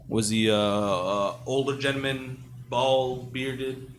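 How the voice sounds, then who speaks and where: A man's voice: mid-range voice, little pitch movement, takes it slowly. A man running a tabletop game as game master, narrating casually with frequent fillers and restarts. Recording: noisy home recording.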